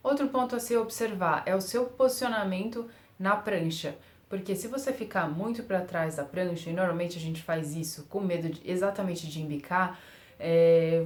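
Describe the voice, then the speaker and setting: This surf vlogger, a young woman, has a mid-range, darkish-toned voice recorded with a roomy sound. She shares surfing tips in a chatty, casual tutorial manner, laughing at herself a lot and filling gaps with fillers.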